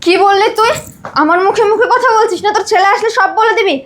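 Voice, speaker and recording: A woman's voice: very high-pitched, fast talker, fairly bright tone, slight background noise. A woman playing a cruel, bossy young daughter-in-law, scornful and ordering. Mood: domineering.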